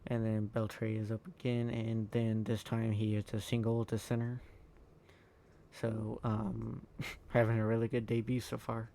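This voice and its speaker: A man recording a tired, halting voice-over over his own sports video game footage, full of ums and uhs. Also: monotone, creaky, warm tone, a little hiss or hum. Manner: low-key, halting, lots of ums and uhs. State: tired, yawning. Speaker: gaming YouTuber.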